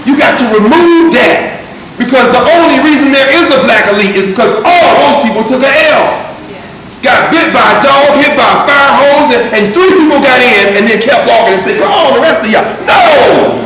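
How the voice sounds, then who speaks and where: High-voiced lecturer in an echoey classroom. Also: male voice, normal speed, far from the mic, over a noisy crowd, very noisy. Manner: animated, shifts between reading aloud and emphatic asides. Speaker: university lecturer. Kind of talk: classroom lecture reading and commenting on a text. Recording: echoey lecture room recorded from afar.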